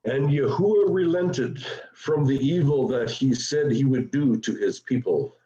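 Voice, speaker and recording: Slow, low-toned man reading, muffled. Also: dark tone. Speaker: congregation member reading.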